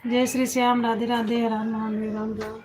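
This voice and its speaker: A woman's voice: a little high, flat delivery, normal speed, a little mellow, slight background noise. A woman hosting a casual live stream on her phone, greeting viewers by name and repeating devotional greetings.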